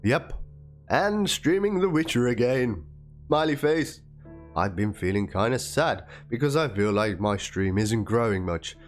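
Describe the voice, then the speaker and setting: Over instrumental background music, a man with a medium-pitched voice reads a written document and chat messages aloud as dramatic, theatrical narration. His delivery is animated but a little slow.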